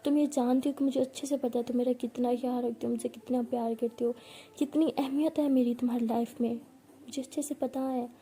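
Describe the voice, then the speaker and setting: A woman's voice: on the high side, steady tone, brisk, mellow, breathy edge. A woman narrating a first-person love story in a tender, intimate way, acting out the dialogue herself. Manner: tender, intimate, voices both partners in the story.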